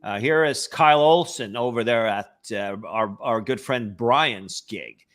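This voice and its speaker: A man's voice: medium pitch, unhurried, fairly bright tone. A man from Norway with a Norwegian accent, hosting a casual travel webcast with many hesitations and fillers. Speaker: host.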